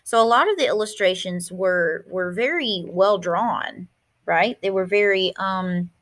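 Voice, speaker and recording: A woman's voice: medium pitch, measured pace, a bit bright. A woman teacher reading a picture book aloud to her class, stopping to explain words and ask questions. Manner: explains vocabulary and asks the class questions, with fillers.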